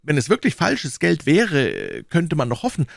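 A man doing a high, whining innkeeper who frets and pleads from an audiobook. The voice is pitched well up, with a gravelly rasp under it. The recording is close and dry. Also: a little slow, no echo, full character voice. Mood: pleading. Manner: whiny and excitable. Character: pleading, fretful male innkeeper. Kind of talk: audiobook character voice.

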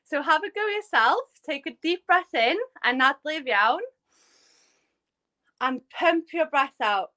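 Slow, bright-voiced Welsh yoga teacher. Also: female voice, high-pitched, animated. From Wales. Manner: gentle, unhurried, with frequent fillers. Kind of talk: relaxed live-stream lesson.

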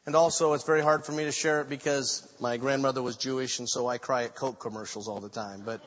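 An older man delivers a sermon with dramatic storytelling, his fairly high voice rising to loud declarations and dropping to near whispers. The recording is slightly muffled. His voice rings out with a long echo through a large church sanctuary. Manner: dramatic storytelling preacher, swinging from loud to hushed. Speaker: pastor. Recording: muffled sound with long reverb in a large room.

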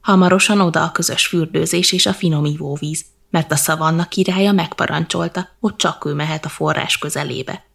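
A woman voicing an old, wise, kindly elephant in a children's storybook, speaking gently and cordially. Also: low-pitched, fairly even intonation, creaky, full character voice. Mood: gentle. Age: older. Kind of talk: storybook character voice.

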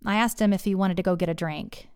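A woman's voice: medium pitch, fairly even intonation, fast, a little mellow, clear, resonant tone, no echo, clean studio sound. A woman telling a first-person story in a candid, profane way, acting out the voices she quotes.

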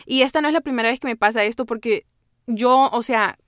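Woman, podcast host, casual code-switching monologue, smooth clear voice, dry close sound. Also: on the high side, fairly quick, fairly bright tone, no room sound. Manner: chatty, switches between Spanish and English, many "¿verdad?" tags.

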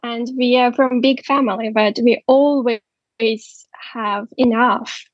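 A woman in her twenties with a Ukrainian accent, telling her story as an interview guest, slow and halting with many pauses. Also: a little high, steady tone, no room sound, muffled recording. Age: 20s. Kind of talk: interview testimony.

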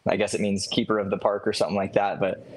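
Low-voiced young man, relaxed and halting. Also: slightly rough, poor audio. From Hawaii. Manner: relaxed, hesitant with many restarts. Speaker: guest, disc golf pro. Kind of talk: casual podcast interview.

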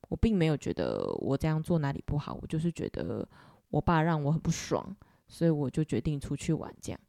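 A young woman, hosting a podcast and telling a personal story in a soft, reflective, unhurried way. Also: low voice, big pitch swings, gravelly, no echo, studio quality. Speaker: podcast host.

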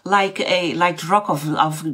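A middle-aged house church teacher from the Netherlands speaks in a lowish, fairly bright voice with a steady, unhurried tone. She teaches the Bible casually online in Dutch-accented English, often searching for words, adding fillers and restarting.

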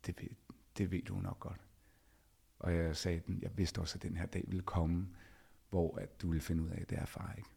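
A middle-aged man, a podcast host, telling a personal story in an animated way and acting out the dialogue himself. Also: sits low, creaky, husky. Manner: animated, acts out quoted dialogue.

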